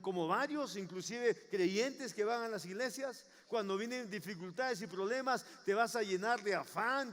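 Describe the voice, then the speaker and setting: A man with a high voice preaches a sermon, stacking up rhetorical questions and pressing each point with emphasis. His voice rings out through a church hall with a long, lingering reverb. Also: a bit bright. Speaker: pastor.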